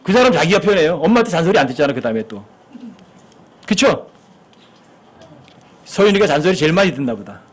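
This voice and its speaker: A man's voice: on the high side, big pitch swings, brisk, pauses often, breathy edge. A male pastor preaching a sermon in church, talking conversationally and asking his listeners frequent rhetorical questions.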